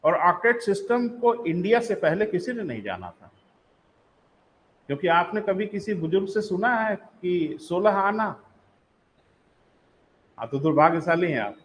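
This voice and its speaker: A man's voice: sits high, sing-song, unhurried, pauses often, a little hiss or hum, low-quality recording. A male geography teacher with a Hindi accent, giving a live online class. He calls students "beta" and asks and answers his own questions.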